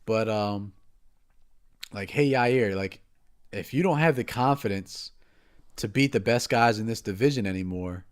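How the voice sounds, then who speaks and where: A man co-hosting a casual podcast, talking about fighters in a halting way, repeating words and trailing off. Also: fairly low pitch, clean tone. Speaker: podcast co-host. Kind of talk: casual sports chat.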